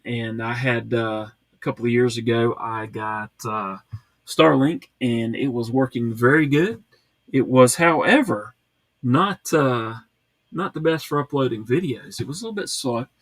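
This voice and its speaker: A man's voice: medium pitch, fairly bright tone, no echo. A man hosting a casual live chat, reading out viewer comments and rambling along with plenty of fillers and restarts from home.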